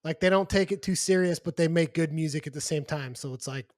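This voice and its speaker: Earnest rambling man, higher voice. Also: fairly quick, no echo, studio quality. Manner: rambling, earnest, says "dude" and "like" often. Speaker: podcast co-host. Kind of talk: casual chat.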